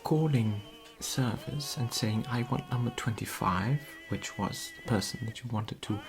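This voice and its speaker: A performer in an ASMR role-play as a genteel period society lady, gossiping softly and confidingly at a tea parlour. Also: medium pitch, measured pace, music in the background, natural voice. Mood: chatty, admiring. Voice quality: soft-spoken.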